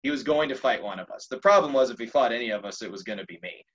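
A young man telling a story in casual conversation, animated and laughing often. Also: mid-range voice, rapid-fire, lo-fi sound.

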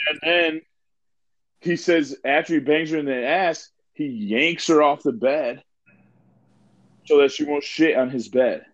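A man's voice: a little high, unhurried, pauses often, a bit bright, dry recording, lo-fi sound. A man co-hosting a casual podcast, telling crude, rambling anecdotes. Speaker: podcast co-host. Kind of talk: casual chat.

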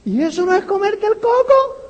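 A man giving a motivational talk, firing rhetorical questions and tagging lines with a quick "eh?". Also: extremely high pitch, animated, highs cut off. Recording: long hall reverb.

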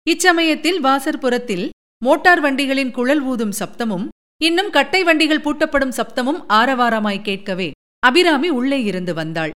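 A woman narrating a novel chapter in a measured storytelling manner. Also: high voice, animated, fairly bright tone.

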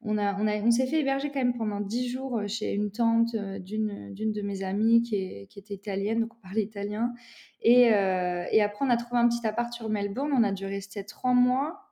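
A young French woman chats through her story with a mellow, relaxed tone. She rambles a little, restarting sentences and filling pauses as she goes. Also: mid-range voice. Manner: rambling, many fillers and restarts. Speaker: guest. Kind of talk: casual conversational interview.

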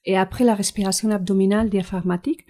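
A woman's voice: mid-range voice, fairly even intonation, fast, warm tone. A woman with a Spanish accent, a physiotherapist explaining her work in an interview with frequent fillers and restarts. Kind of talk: interview answers.

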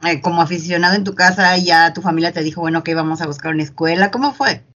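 A woman's voice: lowish voice, fast, a bit bright, dull audio. A woman co-hosting an interview, chatting casually with lots of fillers as she asks the guest questions. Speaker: co-host.

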